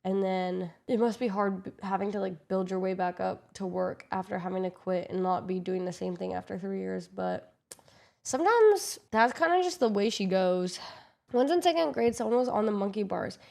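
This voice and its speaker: A woman's voice: mid-range voice, moderate pace, creaky. Swearing, laughing young woman streamer. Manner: loud, swearing, slangy, laughing often. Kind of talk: casual livestream chat reading viewer confessions.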